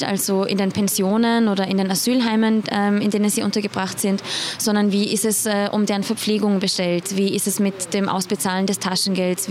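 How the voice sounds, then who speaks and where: A woman's voice: medium pitch, darkish tone. A woman from Iran, an investigative journalist answering interview questions with many hesitations and fillers.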